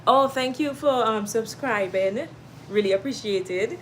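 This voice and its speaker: This Trinidadian woman, hosting a casual livestream at home, has a higher voice and a measured pace, with a little hiss or hum audible. Warm and encouraging, she laughs frequently and reads viewer comments aloud.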